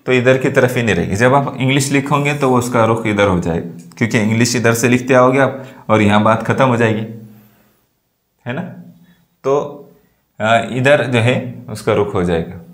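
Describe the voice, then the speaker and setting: A man teaching a grammar lesson, explaining slowly and checking often that students follow. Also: medium pitch. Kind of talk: classroom lesson.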